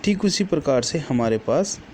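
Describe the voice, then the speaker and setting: A man's voice: on the high side, expressive, normal speed, darkish tone, a little hiss or hum. A male teacher giving a classroom lesson, patiently repeating each word list and correcting himself as he goes. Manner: corrects himself mid-sentence.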